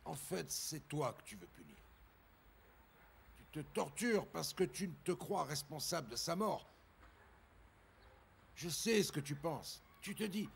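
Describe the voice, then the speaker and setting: A man's voice: on the high side, creaky, a bit bright, slightly rough, full character voice. An actor dubbing a middle-aged father who pleads insistently with his son, repeating his commands. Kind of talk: dubbed TV drama acting.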